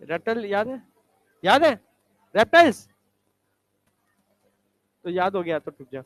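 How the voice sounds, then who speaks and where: High-voiced male teacher quizzing a class. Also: very animated, fairly bright tone, no echo. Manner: brisk, commanding, calls students to stand and recite.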